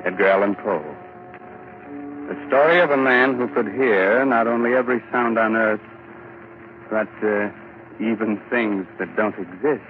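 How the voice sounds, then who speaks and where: A man's voice: on the low side, a little slow, pauses often, soft background music, lightly acted. A man playing a gloating horror-show host. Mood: ominous. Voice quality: theatrical, mock-polite and gloating. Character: sinister teasing male horror-show host. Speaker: show host in a radio drama. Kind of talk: 1940s radio drama acting. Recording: tinny 1940s radio broadcast, faint hiss.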